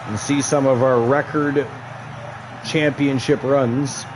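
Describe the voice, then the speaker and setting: A man's voice: medium pitch, steady tone, takes it slowly, music in the background, rough recording. A man doing lucha libre play-by-play as a wrestling announcer, drawing out key words for emphasis. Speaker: wrestling commentator.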